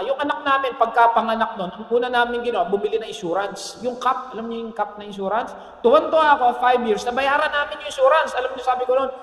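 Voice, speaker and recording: Man, pastor, middle-aged, sermon, keeps asking the congregation for an amen, roomy church sound. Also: very high-pitched. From Philippines. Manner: animated preaching, often asks the congregation "Amen?". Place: church worship hall. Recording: echoey church hall with long reverb.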